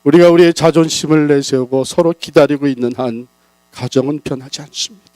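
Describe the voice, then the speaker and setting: A man preaching at a church revival, rising and falling sharply in pitch and loudness as he presses his points. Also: brisk, dry recording, poor audio. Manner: dramatic, big swings in pitch and loudness. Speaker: pastor. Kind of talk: revival sermon.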